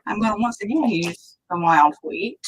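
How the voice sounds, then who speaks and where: A woman's voice: mid-range voice, expressive, normal speed, a little hiss or hum, rough recording. A woman hosting a live craft tutorial, chatting and thinking aloud as she stamps, now and then dropping to a near whisper while her hands are busy. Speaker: stamping demonstrator.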